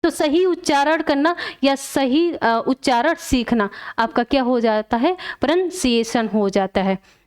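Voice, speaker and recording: A woman's voice: high voice, lively intonation, a little slow, clean tone. A woman teacher explaining exam questions step by step, checking in often with her class.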